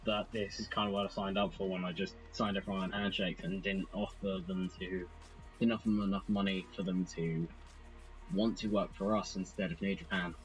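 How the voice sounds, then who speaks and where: A man with a fairly low voice talks through a game in a loose, rambling way, poking fun at himself as he goes. Soft music plays quietly in the background. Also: little pitch movement, moderate pace, low-quality recording. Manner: rambling, self-deprecating, chatty. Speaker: let's play host. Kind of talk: casual game commentary.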